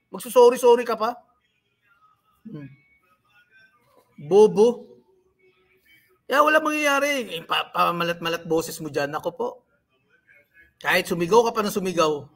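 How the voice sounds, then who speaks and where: This is live-stream commentary from a male host whose very high voice sounds pushed and bright. He rants, mocking and scolding the people he discusses.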